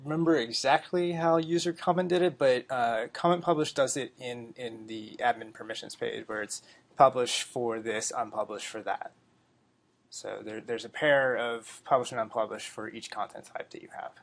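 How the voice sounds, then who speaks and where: A man's voice: mid-range voice, normal speed, creaky. A man giving a casual presentation at a developer meetup, talking loosely with lots of fillers. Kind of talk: casual tech demo talk. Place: meeting room.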